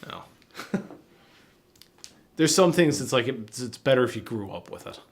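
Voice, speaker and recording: A man's voice: mid-range voice, animated, a little slow, slightly rough. A man co-hosting a casual podcast in an easygoing, laid-back way. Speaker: podcast co-host. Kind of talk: casual chat.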